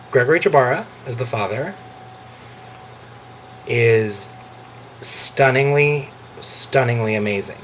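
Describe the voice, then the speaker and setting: A man talking in an excited casual vlog, gushing and emotional, close to tears, with sudden jumps into a high voice. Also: a little hiss or hum. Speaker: vlogger reviewing a show.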